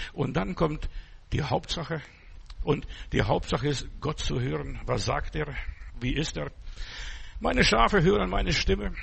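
A man's voice: on the high side, gravelly, a bit bright, slightly rough. A man giving an informal sermon, speaking directly to his listeners with rhetorical questions and personal stories. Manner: tells personal anecdotes. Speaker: preacher.

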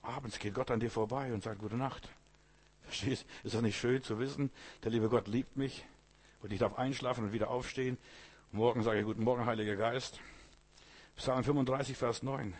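A man's voice: mid-range voice, fairly even intonation, moderate pace, husky. A man preaching a sermon, speaking directly to the listener and telling stories from scripture. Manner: addresses listener directly, storytelling, voices quoted figures.

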